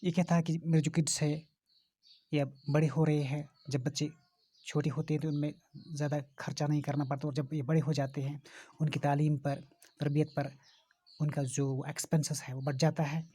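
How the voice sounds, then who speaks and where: Husky-voiced teacher explaining. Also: male voice, fairly high pitch, flat delivery, normal speed, mellow. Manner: explanatory, paraphrasing each phrase with synonyms. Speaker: school English teacher. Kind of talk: explaining a textbook story to pupils.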